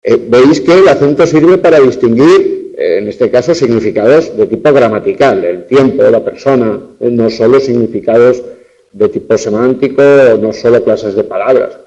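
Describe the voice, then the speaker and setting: A man's voice: mid-range voice, normal speed, dark tone, lo-fi sound. A man teaching a university lecture on spelling and accent marks, stretching out example words syllable by syllable. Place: classroom, lecture streamed online.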